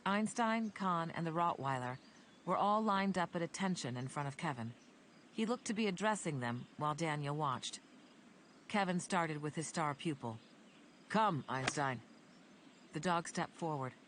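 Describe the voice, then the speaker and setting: A woman narrating an audiobook in an even, measured reading. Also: deep voice, slight background noise.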